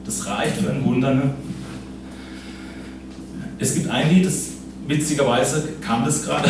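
A pastor preaching in a relaxed, conversational way, often tagging his sentences with a questioning "ne?". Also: medium pitch, background noise. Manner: conversational, keeps adding "ne?". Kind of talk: sermon. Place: church hall. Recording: echoey hall, far from the mic.

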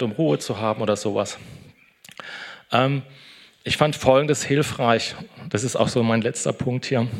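A middle-aged man, a pastor, giving a relaxed, chatty devotional talk, often tagging his sentences with a questioning "ne". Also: medium pitch.

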